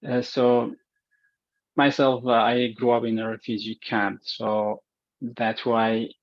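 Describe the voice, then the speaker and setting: At an art show, a visual artist slowly introduces his paintings in a level, even, mid-range voice, halting often and searching for words with many fillers. The audio is dry and somewhat muffled with no echo, as if recorded on modest gallery equipment.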